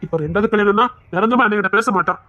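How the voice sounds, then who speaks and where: A man's voice: high-pitched, very fast, narrow, tinny audio, lightly acted. A man voicing an earnest younger brother who pleads eagerly with his elder. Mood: pleading.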